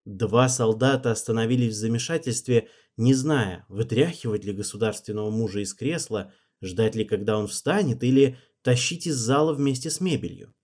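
A man's voice: medium pitch, normal speed, few pauses, a little mellow. Man narrating an audiobook steadily.

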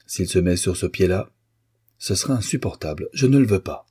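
A man's voice: low-pitched, lively intonation, brisk, dark tone, breathy edge, exaggerated voice. A man voicing a haughty, teasing young Russian princess with an ironic, mocking manner in an audiobook reading. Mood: determined. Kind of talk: audiobook character voice.

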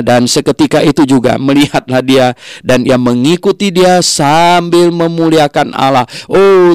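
A man's voice: mid-range voice, a little mellow, clean tone, dry recording. A man teaching from the Bible in a sermon, tagging his sentences with "ya" and acting out the voices in the story. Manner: frequent "ya" tags, acts out quoted voices.

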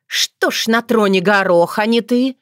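A woman voicing a fearless, scornful old witch grandmother in a storybook reading, with loud, raised retorts. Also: mid-range voice, very animated, a little slow, no echo, clean studio sound. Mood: defiant.

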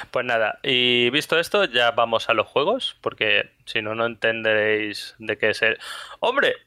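A man co-hosts a casual podcast, talking fast with frequent laughter. His voice is strikingly bright and sharp. It sounds close and dry, with no room echo. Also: clear, resonant tone. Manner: rapid, laughing, acts out friends in a high voice. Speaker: podcast co-host.

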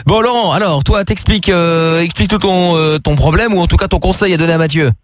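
Fast-talking man hosting radio, higher voice. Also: slight background noise. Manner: informal, slangy, teasing. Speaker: radio host. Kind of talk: live call-in radio chat. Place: radio studio.

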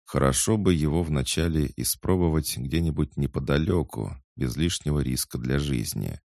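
A stern commander gives measured, authoritative orders, voiced by a male narrator. The voice is very deep with a gravelly rasp. It is recorded close and dry. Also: darkish tone, no echo. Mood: briefing.

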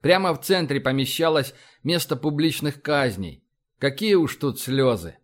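A man's voice: fairly high pitch, expressive, moderate pace, lightly acted. A man voicing a commanding, mocking male admiral who barks orders in a Russian audiobook. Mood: mock stern.

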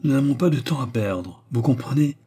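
A man reading a brisk English general. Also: medium pitch, lively intonation, mellow, husky. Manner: brisk, apologetic.

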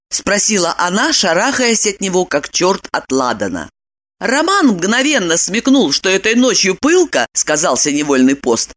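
Expressive woman audiobook reader. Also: on the low side. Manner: expressive, ironic storytelling. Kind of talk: scripted narration.

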